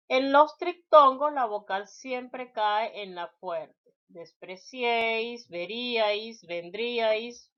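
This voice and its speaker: A woman's voice: fairly high pitch, highs cut off. A woman teacher giving a spelling lecture, reading out word lists and addressing her students directly.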